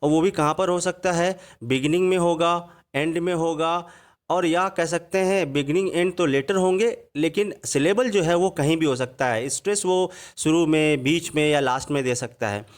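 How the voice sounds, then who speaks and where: A man with a slightly high voice gives an online grammar lesson in Hindi. He explains patiently and drops into slow, careful reading whenever he quotes an English example. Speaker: English teacher. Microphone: voice-over on slides.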